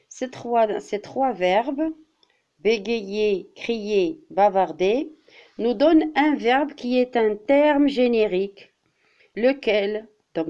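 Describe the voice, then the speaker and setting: Slow, mellow woman teaching a class. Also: fairly high pitch, highs cut off. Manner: slow, deliberate, repeats words and acts out examples. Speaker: primary school teacher. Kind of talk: classroom vocabulary lesson.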